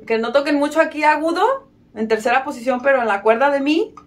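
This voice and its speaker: A woman's voice: high-pitched, a little fast. A woman giving a casual violin lesson, friendly and self-mocking, counting beats aloud. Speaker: violin teacher.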